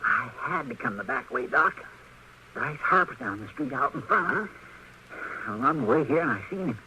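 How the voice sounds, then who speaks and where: Chester, bright-voiced folksy western deputy. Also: male voice, medium pitch, expressive, moderate pace, low-quality recording. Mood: urgent. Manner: folksy, plain-spoken. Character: loyal, folksy, stubborn deputy scheming to protect his friend. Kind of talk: old-time radio western acting. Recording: old radio recording with background hiss.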